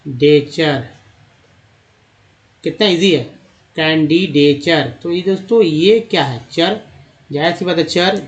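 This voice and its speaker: A man teaching English spelling and pronunciation, drilling each sound slowly and repeating it, and addressing the viewers as friends. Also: a little high. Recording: dull lo-fi sound.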